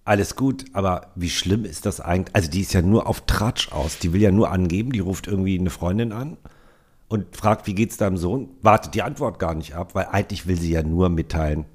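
A man's voice: low-pitched, brisk, a little mellow, breathy edge. A man co-hosting a casual film podcast who talks things through analytically and cites the script. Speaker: podcast co-host. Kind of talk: casual film-discussion chat.

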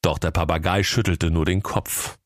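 A man tells a parody fairy tale with dry, deadpan timing. His voice is low. The sound is close and dry. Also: normal speed, no room sound. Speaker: narrator. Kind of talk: comic fairy-tale narration.

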